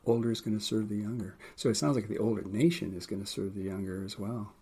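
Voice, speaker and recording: A man's voice: lowish voice, steady tone, fast, mellow, husky. A man co-hosting a casual podcast, reading Bible verses aloud and explaining them plainly with an occasional dry joke. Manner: explains plainly, with small restarts and dry jokes.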